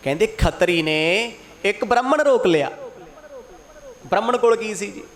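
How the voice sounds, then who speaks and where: A man delivers a storytelling sermon. He switches voices as he acts out both sides of a quarrel. His voice sits rather high. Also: animated, moderate pace. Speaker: katha preacher.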